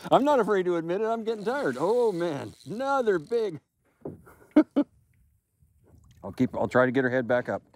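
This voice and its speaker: An older man with a high voice hosts a fishing show out on a lake in a small boat, speaking unhurriedly with long pauses between bursts of excitement. As he battles fish, he laughs and exclaims.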